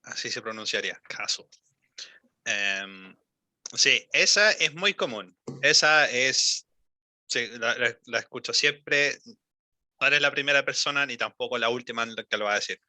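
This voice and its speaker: A young man, giving one-on-one English pronunciation coaching, patient and modeling words slowly with many fillers. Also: mid-range voice, expressive, bright, forceful tone, no room sound. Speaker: English teacher.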